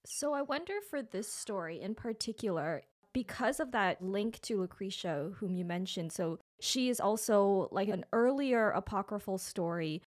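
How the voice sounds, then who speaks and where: A woman hosts an interview with mid-pitched, steady, thoughtful questions. She sets up each point calmly before turning it back to her guest. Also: moderate pace, hardly any pauses. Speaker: podcast host.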